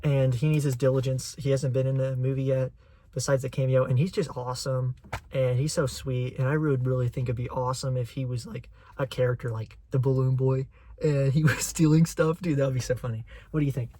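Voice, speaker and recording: Excitable young man rambling as a fan. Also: mid-range voice, a little fast. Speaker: channel host. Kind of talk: casual chat.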